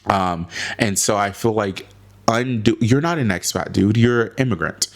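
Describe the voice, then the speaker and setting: American guy ranting to camera, lowish voice, hammers points with repeated lines. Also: normal speed. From United States. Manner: emphatic, repeats phrases for effect. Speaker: video host. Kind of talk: opinion commentary to camera.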